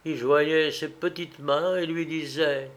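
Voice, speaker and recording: A man reads a gothic tale aloud as a storyteller. His pace is unhurried and deliberate, with dramatic weight on each phrase. His voice sits somewhat high for a man. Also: steady tone, a bit bright. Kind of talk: scripted storybook narration.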